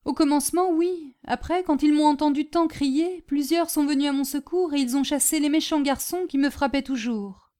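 A woman's voice: high-pitched, normal speed, mellow, pitched above the performer's own voice, natural voice. A woman doing a plaintive bullied schoolboy. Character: frightened, bullied young schoolboy.

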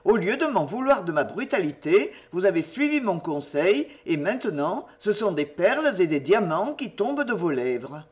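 A woman voicing an earnest, tender young man in a storybook reading, speaking gently and courteously in a lowered voice. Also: very animated, normal speed, hardly any pauses. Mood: admiring.

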